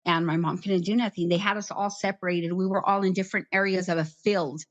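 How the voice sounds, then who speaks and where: A middle-aged woman recounting her past in an interview, in a plain, halting way with many "like" fillers. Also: on the low side, fairly even intonation, muffled recording. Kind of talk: personal account in conversation.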